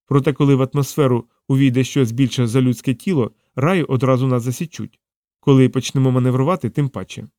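A man voicing a tough, blunt female shuttle pilot in an audiobook, raising his pitch for her and speaking curtly. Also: fairly even intonation, fast, dark tone, no echo, clean studio sound, natural voice. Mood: tense.

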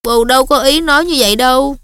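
A woman doing a quiet, calm schoolboy. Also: high-pitched, fast talker, clear, resonant tone, no room sound. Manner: soft-spoken, reassuring.

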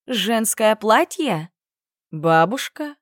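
A woman voicing a smug young male dragon who teases slowly in a lowered voice. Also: animated, no room sound, studio quality. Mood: teasing. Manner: slow, mocking, lower than the narrator.

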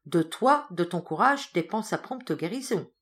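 A woman reading the part of a gentle motherly governess, speaking in a soothing but firm way in an audiobook. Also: fairly low pitch, animated, a little slow.

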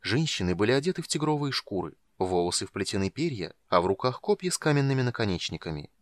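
A man narrating a fantasy audiobook with a lively, dramatic delivery. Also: fairly low pitch, fast, dry recording. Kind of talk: expressive fantasy audiobook reading.

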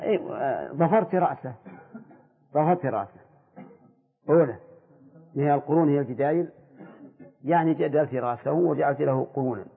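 An older man, a sheikh teaching a jurisprudence class, who explains slowly and keeps putting questions to his students. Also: medium pitch, breathy edge. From Saudi Arabia. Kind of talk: classroom lecture on fiqh. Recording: tinny, echoey old lecture tape.

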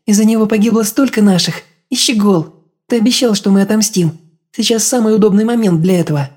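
A woman's voice: medium pitch, brisk, darkish tone, natural voice. A woman voicing an eager, vengeful young female fighter in an audiobook, talking with impatient urgency. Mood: urging. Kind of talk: audiobook character voice.

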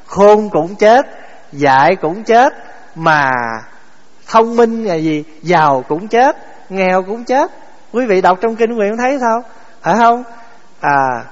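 A monk preaches a Buddhist sermon in a fairly high voice. He keeps putting questions to his audience and answering them himself. His voice echoes through a dull-sounding hall. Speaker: Buddhist monk giving a dharma talk.

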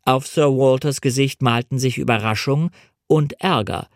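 A man narrating an adventure novel in a measured, dramatic reading. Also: medium pitch, dry recording, studio quality. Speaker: reader. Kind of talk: audiobook narration.

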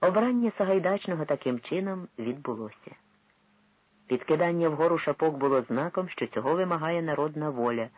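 Male audiobook narrator, husky, slightly high voice, dramatic delivery, thin dry audio. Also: brisk, no room sound. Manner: expressive, dramatic reading. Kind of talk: audiobook reading of a historical novel. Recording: tinny phone-like dry sound.

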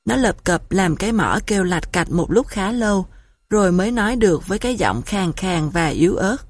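Breathy woman narrating a storybook. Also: medium pitch, animated, brisk, no echo. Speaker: audiobook narrator.

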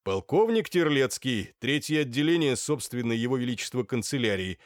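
A man voicing a brisk, commanding middle-aged police colonel. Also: medium pitch, very animated, no room sound, studio quality, lightly acted. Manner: curt, commanding.

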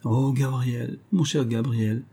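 A man voicing a young frightened noblewoman in love in a storybook reading, speaking in an anxious, hushed, pleading way. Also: mid-range voice, steady tone, takes it slowly, husky.

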